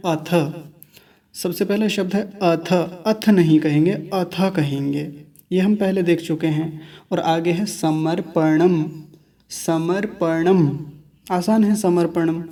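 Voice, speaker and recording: A man teaching Sanskrit mantra pronunciation in an online class, slowly sounding out each syllable and contrasting the wrong and right forms. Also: a little high, fairly even intonation, mellow, recorded from a distance. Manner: slow, deliberate syllable-by-syllable demonstration.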